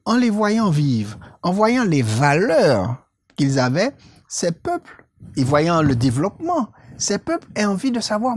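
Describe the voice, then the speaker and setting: A woman co-hosting a Bible study discussion, speaking in a measured, explanatory way and quoting scripture. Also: low voice, darkish tone, husky, no echo. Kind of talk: religious lesson discussion.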